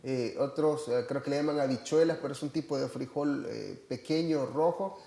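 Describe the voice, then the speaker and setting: There's a creaky, mellow quality to this man's mid-range voice as he talks at normal speed in a reverberant room. A Salvadoran church member, he chats casually about a church trip, hesitant and full of fillers and restarts.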